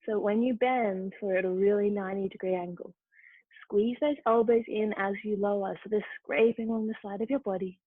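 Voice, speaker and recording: A woman's voice: medium pitch, steady tone, brisk, dry recording. A woman leading a yoga class, giving short, encouraging cues for each movement. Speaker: yoga instructor. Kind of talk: guided yoga class instruction. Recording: tinny phone-like dry sound.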